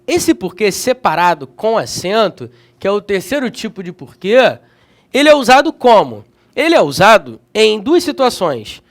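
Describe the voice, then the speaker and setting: Lively high-voiced grammar teacher. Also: male voice, moderate pace. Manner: energetic, checks in often with slangy tags. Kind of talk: exam-prep grammar lesson.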